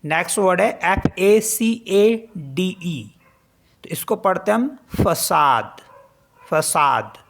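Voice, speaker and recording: A woman teaching a French pronunciation lesson in Hindi mixed with English, spelling each word letter by letter and repeating it slowly. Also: fairly low pitch, lively intonation, vocal fry. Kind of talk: spoken language lesson.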